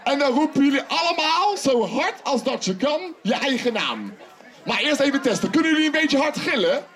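A man with a very high, bouncy voice works a crowd of children as a festival clown. He shouts out questions and jokes with them. It is recorded in the open air with the kids' noise behind him. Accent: Dutch. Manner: playful, shouting to the crowd, teasing. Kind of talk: lively clown patter for children. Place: outdoor festival stage.

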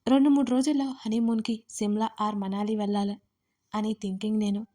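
A woman narrating a first-person audio story, expressive in the dialogue. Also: medium pitch, fairly quick.

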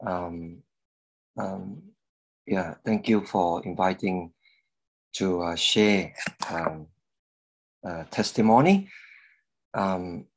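Slow, hesitant low-voiced man on a call. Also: rough recording. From Malaysia. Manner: slow and hesitant, many fillers. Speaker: guest speaker giving a testimony. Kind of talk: halting personal testimony on a video call. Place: indoor room at home. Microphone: video call webcam with earphones.

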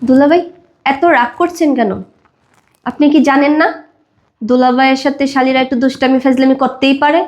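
Brief: actress as a flirty sister-in-law in a short film, high voice, coaxing and playful. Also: female voice, fairly even intonation, fairly quick, pauses often, darkish tone, natural voice.

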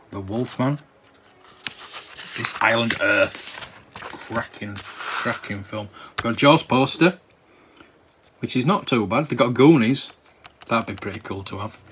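A man with a lowish voice flips casually through a catalogue, commenting as a channel host with the enthusiasm of a collector. His talk rambles and hesitates, full of ums and restarts. Faint music and some noise sit in the background.

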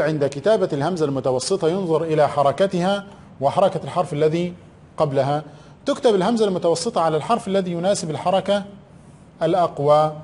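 A male teacher giving a recorded grammar lesson. He asks questions, answers them himself, and stretches out key words slowly. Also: fairly high pitch, a little mellow. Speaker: primary school Arabic teacher.

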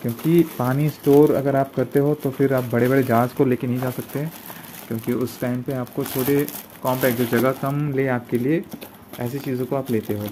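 This is a young man, filmed on a phone over a table indoors, chatting hesitantly through an unboxing. He pauses often and restarts his lines. A steady hiss of noise sits under his mid-pitched voice. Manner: hesitant, many fillers and restarts. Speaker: vlogger unboxing camping gear. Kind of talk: casual unboxing talk. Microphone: handheld phone camera pointed at the table. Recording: noisy phone recording with room hiss.

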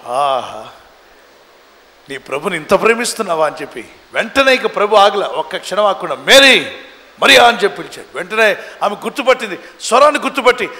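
High, bright-voiced male revival preacher. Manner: emphatic, calls the congregation to answer back. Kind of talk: revival sermon with interpreter. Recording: long echoey hall reverb.

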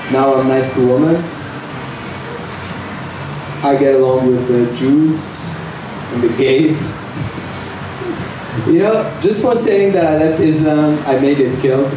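A young Algerian stand-up comic performs at an open mic on a small indoor bar stage, delivering jokes deadpan with halting fillers and nervous laughs into a handheld mic. His voice is fairly high. Filmed by a distant camera, the audio is echoey, far-off and noisy.

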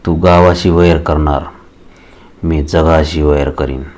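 A man's voice: rumbling low, steady tone, slow pace, darkish tone. A man voicing a bitter, defiant young male farmhand in a storybook reading, speaking harshly.

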